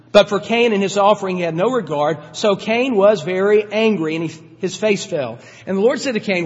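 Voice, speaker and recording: A man preaches to his congregation in a high voice, talking plainly and asking them direct questions. His delivery swings between hushed and loud. The sound is dull and carries a long reverb from a large hall. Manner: conversational, rhetorical questions, dynamic swings in loudness. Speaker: pastor. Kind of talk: sermon.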